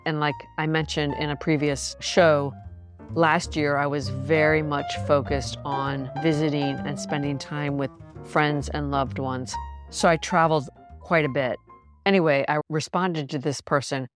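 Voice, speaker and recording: A woman's voice: deep voice, dry recording. A woman hosting a podcast, telling a personal story in a candid, reflective, conversational way. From lives in New York City. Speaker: podcast host.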